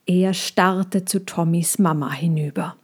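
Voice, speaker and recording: A woman reading a children's story aloud, slow and careful. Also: on the low side, fairly even intonation, a little mellow, husky.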